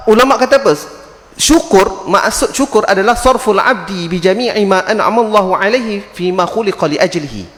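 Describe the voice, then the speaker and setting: Malaysian ustaz man, kinda high voice, animated storytelling, echoey hall. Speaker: religious teacher. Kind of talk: Friday sermon talk.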